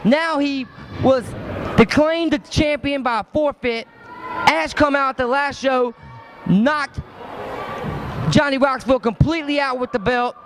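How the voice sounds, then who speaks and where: A man doing lucha libre announcer play-by-play, excitable and calling wrestling moves in short bursts. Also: very high-pitched, a little slow, pauses often. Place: indoor gymnasium wrestling show. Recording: noisy sports hall, loud background noise.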